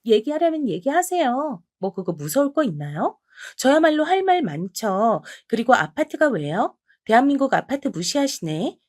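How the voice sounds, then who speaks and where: A snide, condescending sister-in-law, voiced by a woman for a story drama. Her bright, high voice swoops up and down as she sneers and belittles. Every line drips with sarcasm. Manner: mocking, sarcastic, talks down. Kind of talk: audio drama acting.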